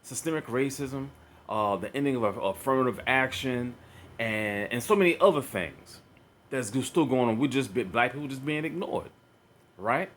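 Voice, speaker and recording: A man's voice: medium pitch, lively intonation, moderate pace, fairly bright tone. A man giving casual reaction commentary, rambling and repeating himself with many fillers.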